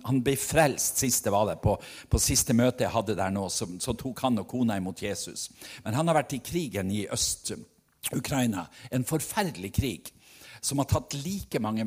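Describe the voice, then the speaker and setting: Husky preacher. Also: male voice, on the low side. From Norway. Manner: earnest storytelling, swings between loud and hushed. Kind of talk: sermon.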